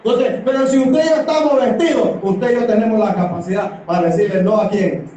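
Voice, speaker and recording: A middle-aged man with a Panamanian Spanish accent, a church elder, preaches in a high, dark voice with fairly even intonation, talking a little fast. His conversational, impassioned sermon is full of rhetorical tag questions. The small church hall is indoors and crowded, and the distant mic picks up echo and background noise.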